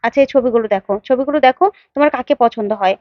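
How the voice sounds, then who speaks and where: Woman voicing a shrill scolding mother. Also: very fast, dry recording, highs cut off, lightly acted. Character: middle-aged mother, scolding and anguished.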